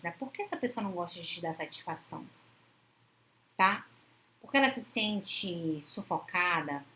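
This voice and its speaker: A woman's voice: on the low side, bright, forceful tone. Female psychologist, live-stream host; conversational, voices quoted couples, faint background hiss. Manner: conversational, acts out quoted dialogues in shifting tones. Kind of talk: casual live-stream talk to viewers.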